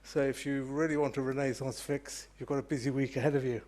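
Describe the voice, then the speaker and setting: A man's voice: mid-range voice, level tone, darkish tone. Man introducing a lecture. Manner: measured, with fillers. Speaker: host introducing a speaker. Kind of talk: event introduction.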